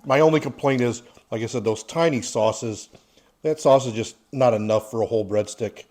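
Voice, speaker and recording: A man's voice: medium pitch, normal speed, a little mellow. A man in his forties giving a casual, plain-spoken food review with his child. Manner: easygoing, plain-spoken, opinionated.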